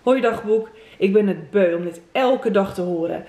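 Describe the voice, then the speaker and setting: A woman's voice: mid-range voice, normal speed, dark tone, roomy sound, lightly acted. A woman voicing a sulky, fed-up teenage girl writing in her diary, read aloud from an old story.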